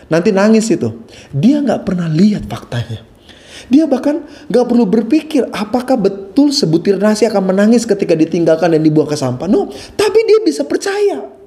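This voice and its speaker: Lively, mellow-voiced man preaching. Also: sits high. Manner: animated, playful, acts out quoted voices and laughs often; speaks directly to the congregation. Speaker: pastor. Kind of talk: sermon.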